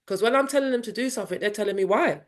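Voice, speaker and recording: Woman in her 50s telling her story, lively, jumps into voices for her kids, pretty candid. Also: fairly high pitch, very fast. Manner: animated, acts out family dialogue in voices; candid and reflective. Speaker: parenting coach guest. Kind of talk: personal storytelling interview.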